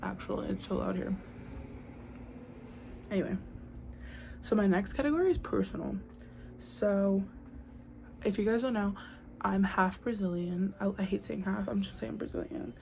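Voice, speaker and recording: A young American woman talks casually to camera as a vlogger, saying "like" and "girl" a lot and sometimes dropping to a whisper. Her medium-pitched voice has vocal fry and a darkish tone, at a moderate pace with long pauses. It is captured on a built-in device mic, with faint outside sound from the noisy place around her.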